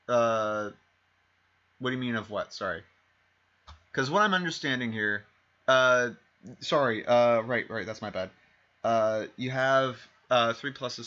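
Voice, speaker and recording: A mid-range, bright, forceful male voice runs a tabletop game for a stream, heard over a dull lo-fi mic. The narration meanders, with self-corrections, fillers, and restarts.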